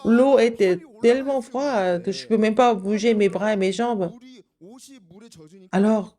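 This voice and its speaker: A woman giving a children's sermon, asking the kids questions and answering them, with sudden high exclamations. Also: mellow. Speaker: kindergarten preacher.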